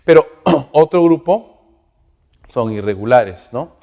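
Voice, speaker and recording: A man teaching English grammar, at an ordinary middle pitch. He explains step by step and keeps checking in with "ok?". His voice has a long reverb, as if recorded in a hall. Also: lively intonation, dark tone. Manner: explains slowly, checking with "ok?" after each point.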